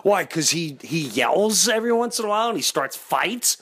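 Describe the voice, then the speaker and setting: A man's voice: high-pitched, expressive, moderate pace, fairly bright tone. A middle-aged man hosting a baseball fan show, in an escalating comedy rant, indignant and incredulous, firing off rhetorical questions.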